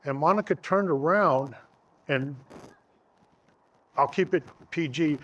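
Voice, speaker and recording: A man's voice: a little high, takes it slowly, a bit bright, highs cut off. A middle-aged man casually telling his engagement story, rambling with fillers and restarts.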